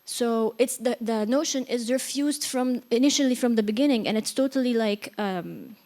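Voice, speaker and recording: Woman from Egypt, seminar audience member, high-ish voice, earnest, halting with fillers. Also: darkish tone. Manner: hesitant, many fillers, earnest. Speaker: audience member asking a question. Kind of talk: hesitant spoken question at a seminar.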